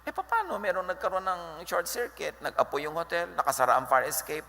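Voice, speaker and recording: A male pastor giving an animated sermon, switching between Tagalog and English and quoting scripture. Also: on the high side, a little fast, creaky. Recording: echoey hall with long reverb.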